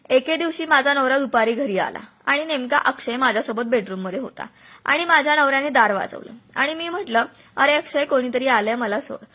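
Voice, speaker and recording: A woman narrates a dramatic story in the first person, recounting each exchange in turn. Her voice sits high and comes across bright and forceful. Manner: recounts events, voicing others' words within her telling.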